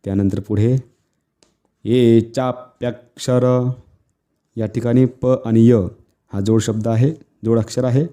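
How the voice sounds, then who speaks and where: A man teaching children Sanskrit pronunciation, chanting verse lines slowly and repeating them, with quicker plain explanations in between. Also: lowish voice, steady tone, warm tone. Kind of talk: recitation lesson for children.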